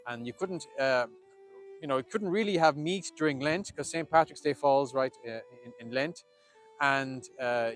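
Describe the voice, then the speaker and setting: An Irish man with a lilting storyteller's delivery, talking informally as a video host and leaning into words for emphasis. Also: mid-range voice. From Ireland.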